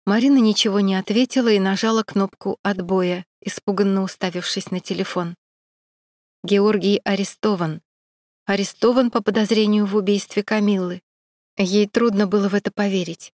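A woman narrating an audiobook in a steady, even storytelling manner. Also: medium pitch, moderate pace, no echo, studio quality. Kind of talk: scripted narration.

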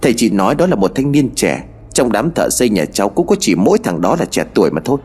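A man's voice: lowish voice, very animated, quick pace, a little mellow, breathy edge. A man voicing a desperate, bewitched young man who stammers and speaks with a sense of grievance, in a spoken horror story. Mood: aggrieved. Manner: stammering, aggrieved.

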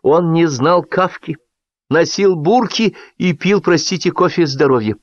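A man's voice: fairly high pitch, animated, unhurried, no room sound, lo-fi sound, voice pushed up. A man voicing a bossy female guest who scolds and makes toasts in a raised voice. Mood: scolding.

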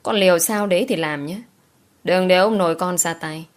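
A woman's voice: fairly low pitch, normal speed, close to an everyday voice. A woman voicing a stern middle-aged countryside mother who scolds her daughter firmly. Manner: firm, scolding.

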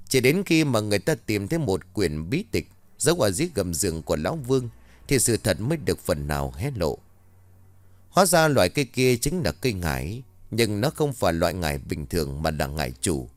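A man narrating a scripted horror story, telling it in a lively way with dramatic swings in his voice. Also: on the low side, no echo. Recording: dry close mic with faint music bed.

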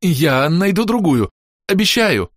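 A man's voice: high voice, big pitch swings, slow, no echo, clean studio sound, pitched above the performer's own voice, exaggerated voice. A man voicing a cowardly, sneaky male shadow spy who pleads and fawns in panic, in an audiobook. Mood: pleading.

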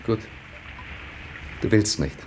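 A man's voice: slow pace, darkish tone, slight background noise, close to an everyday voice, poor audio. An actor playing an earnest young man in a radio play, who coaxes and pleads persistently. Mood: pleading. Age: young adult. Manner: coaxing, insistent.

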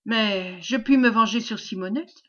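A woman reading the part of a mysterious fairy with a soft, sad voice in a storybook reading. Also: measured pace, highs cut off, close to an everyday voice. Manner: soft, sad voice, sometimes made deeper.

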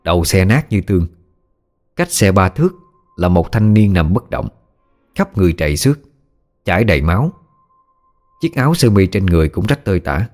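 Man, very deep voice, ghost story narration, faint music behind. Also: moderate pace, long pauses. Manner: steady, plain storytelling.

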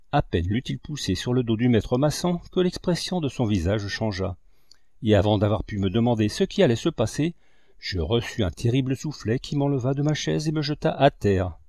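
A man narrating a novel as an audiobook, in an expressive, dramatic storytelling voice. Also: mid-range voice, dry recording, clean studio sound. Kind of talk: audiobook reading.

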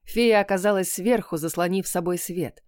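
A woman giving a steady, expressive first-person narration of a fantasy audiobook. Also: lowish voice, moderate pace, no room sound, clean studio sound.

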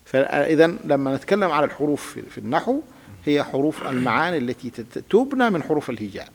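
A man's voice: on the high side, very animated, quick pace. A man teaching a classical grammar lesson, patiently explaining step by step and having his student repeat words. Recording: reverberant room with long echo.

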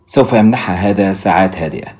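A man's voice: sits low, rapid-fire, darkish tone, close to an everyday voice. A man voicing a proud, blunt Zulu woman nurse in a storybook reading, giving frank, firm answers.

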